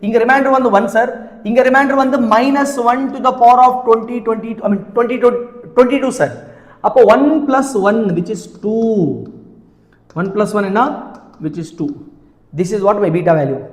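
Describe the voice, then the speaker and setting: A man's voice: very high voice, rapid-fire. A man with a South Indian accent teaching a live maths lesson, repeating himself and often checking with questions. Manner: repetitive, interactive, often asking check questions. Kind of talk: live exam-prep lesson, mixing English and Tamil. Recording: very echoey, reverberant room.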